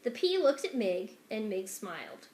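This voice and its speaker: In an echoey room, a woman with a medium-pitched voice narrates a children's story expressively at normal speed.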